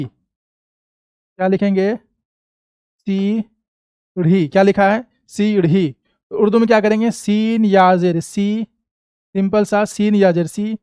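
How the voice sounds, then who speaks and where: A man with an Indian Hindi accent teaching an Urdu class, patiently asking questions and answering them himself, saying each sound slowly. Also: high voice, a little mellow, clean tone, no echo. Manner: patient, asks and answers his own questions. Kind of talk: classroom lesson.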